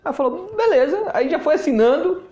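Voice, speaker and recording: Man, fairly high voice, laughing storyteller, roomy echo. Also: animated, normal speed, darkish tone, lo-fi sound. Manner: chatty, laughs often, repeats words. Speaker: network marketing mentor. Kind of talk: casual anecdote telling. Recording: echoey room.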